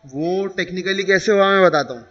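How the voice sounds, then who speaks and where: High-voiced Indian man teaching a class. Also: brisk, fairly bright tone, lo-fi sound. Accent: Indian English. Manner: explains with examples, asks "ठीक है?" again and again. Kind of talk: classroom lecture.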